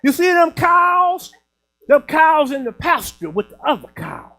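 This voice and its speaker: A stern old Southern grandmother, as a preacher puts her on, her voice pitched way up and a touch slurred. She scolds in a homespun, folksy way, loud and pointed. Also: big pitch swings, measured pace, heavily acted. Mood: scolding. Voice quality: slightly slurred from snuff.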